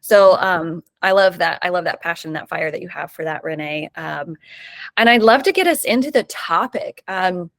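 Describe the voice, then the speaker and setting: A woman's voice: on the low side, normal speed, creaky, a bit bright, dry recording. A woman hosting an interview, upbeat and encouraging as she introduces her guest and asks questions. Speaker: podcast host.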